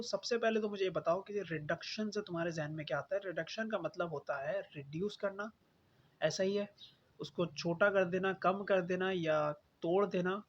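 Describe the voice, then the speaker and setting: High-voiced man teaching, asking and answering himself. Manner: asks and answers his own questions; repeats key words for emphasis. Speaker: English teacher. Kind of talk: online pronunciation lesson. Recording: slightly dull, faint background hiss.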